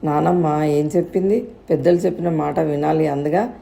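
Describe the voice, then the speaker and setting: A firm, caring mother from a storybook, as a woman reads her, with a low, dark voice. She scolds and coaxes with a gravelly edge. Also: fairly even intonation, moderate pace. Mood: scolding. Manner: scolding, coaxing.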